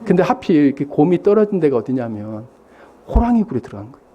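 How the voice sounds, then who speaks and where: A man's voice: a little high, big pitch swings, quick pace, highs cut off, a little hiss or hum. A man preaching a sermon as a missionary, telling stories with animation and quizzing the congregation.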